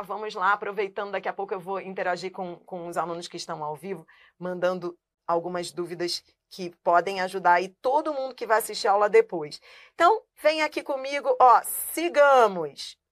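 A woman's voice: mid-range voice, moderate pace. Woman teaching grammar, checking in often. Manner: asks herself rhetorical questions and answers them; keeps checking in with the viewer and says "look" while writing on a board. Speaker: Portuguese teacher. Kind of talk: live online grammar class.

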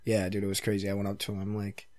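A young man in casual chat, telling a made-up story in a deadpan, mumbly way that trails off. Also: on the low side, rapid-fire, dry recording.

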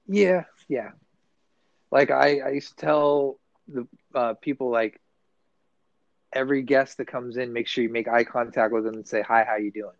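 A man's voice: mid-range voice, measured pace, gravelly, dry recording. Rambling, swearing man on a podcast. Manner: rambling, profane, loose and self-correcting. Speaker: podcast co-host. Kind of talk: casual podcast chat. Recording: dull, dry recording.

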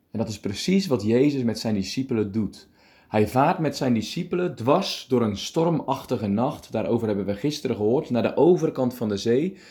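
In a calm radio meditation, a male preacher with a medium-pitched voice reads scripture slowly and deliberately, then explains it.

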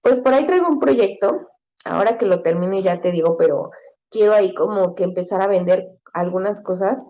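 A woman in her thirties talks as a podcast guest in an easy, rambling way, full of fillers and quoted asides. Her voice is mellow and warm. The recording sounds dull and lo-fi. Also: mid-range voice, fairly quick. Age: 30s. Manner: chatty, many fillers, acts out quotes in a raised voice. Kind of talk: casual conversation.

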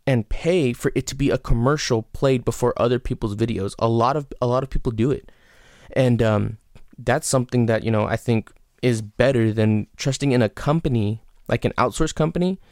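A man with a medium-pitched, slightly mellow voice hosts his own podcast, recorded clean in a studio with no room sound. He gives frank, rambling advice full of fillers and restarts, swearing casually along the way. He also has the hiccups throughout this casual solo advice episode.

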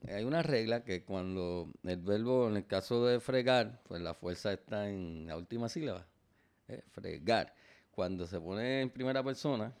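A man's voice: on the low side, a little mellow. A man co-hosting a podcast. He explains grammar in a teacherly way, working through examples step by step. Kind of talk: casual educational chat.

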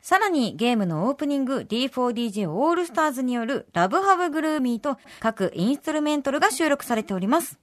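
A woman with a Kansai accent co-hosting a radio program, with a high, animated voice that swings widely in pitch. She reads announcements and chats at a quick clip. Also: dry recording. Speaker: radio host. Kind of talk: radio show chat and announcements.

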